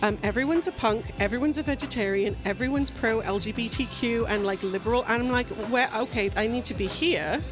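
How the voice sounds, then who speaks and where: A woman's voice: on the high side, brisk, few pauses, music in the background, low-quality recording. Wry Welsh woman in her forties. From Wales. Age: 40s. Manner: wry and jokey, with filler ums. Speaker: guest, journalist and author. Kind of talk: casual interview chat.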